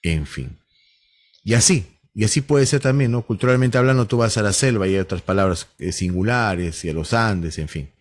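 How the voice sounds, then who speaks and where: A man from Huánuco, Peru, with a Peruvian Spanish accent teaches an online class in a jokey, animated style, acting out bits of street slang. His voice is lowish, at a moderate pace.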